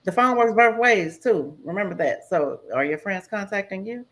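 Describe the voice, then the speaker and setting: A woman co-hosting a casual talk, giving gentle, reassuring advice. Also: medium pitch, lively intonation, normal speed. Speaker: podcast co-host. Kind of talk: supportive advice in casual chat.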